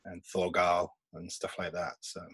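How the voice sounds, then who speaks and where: Unhurried and level in tone, this comics artist from England, a native Polish speaker, has a deep, husky, slightly bright voice. He rambles and laughs often between thoughts during a casual remote podcast interview, recorded without echo.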